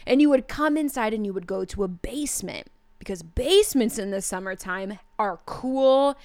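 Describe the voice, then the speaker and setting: A woman's voice: a little high, dry recording. Upbeat Midwestern woman podcast host. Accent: Midwestern American. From American Midwest. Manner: enthusiastic, heartfelt. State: emotional, near tears. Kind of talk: podcast monologue.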